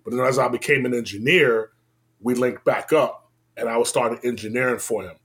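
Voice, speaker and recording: Here a D.C.-accented man in his forties spins his tale loosely, full of slang, his voice rising loud and sinking low. The tone stays steady and the speed normal.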